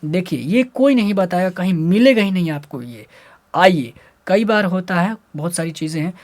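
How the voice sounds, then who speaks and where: A man with lively intonation and a moderate pace explains a lesson, teaching Hindi grammar to school students. He repeats letter sounds aloud and asks questions he then answers himself, jumping between loud drilled syllables and low muttering.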